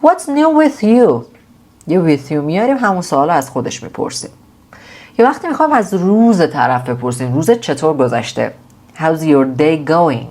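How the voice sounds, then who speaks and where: A woman with a Persian accent teaching English phrases in a casual lesson, repeating each model phrase slowly and clearly. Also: low-pitched, expressive, a little mellow.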